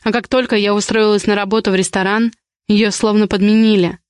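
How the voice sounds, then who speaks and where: A woman with a mid-pitched voice narrates a romance audiobook in the first person. Her storytelling is steady and intimate. The recording is dry and close, with no room echo. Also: fairly quick, smooth.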